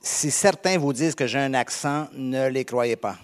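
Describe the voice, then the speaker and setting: A Canadian pastor with a Québécois French accent preaches a sermon in a conversational, halting way. His voice is medium in pitch, and he fills his speech with frequent fillers and restarts.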